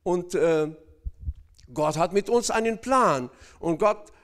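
A man from Northern Kazakhstan preaches a sermon, addressing the congregation directly while speaking hesitantly with many fillers. His voice is high and his pace slow.

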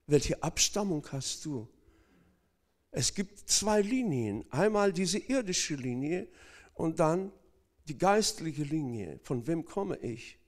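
Speaking slowly in a fairly high, sing-song voice, a Northern Kazakhstan man delivers a sermon. He talks straight to the congregation, hesitant and peppered with fillers.

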